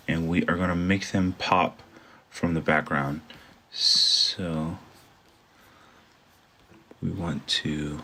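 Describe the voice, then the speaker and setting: A photographer teaching photo editing talks through an edit step by step in a casual screen-recorded tutorial, thinking aloud in an informal, chatty way. His low voice is a bit bright with a breathy edge, and he sounds congested from allergies.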